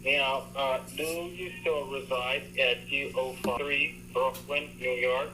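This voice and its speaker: A man on a phone line giving a formal, overly polite scripted pitch, repeating "wonderful". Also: steady tone, slow, sharp tone, faint music behind. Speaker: scam caller. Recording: tinny phone line with faint hiss.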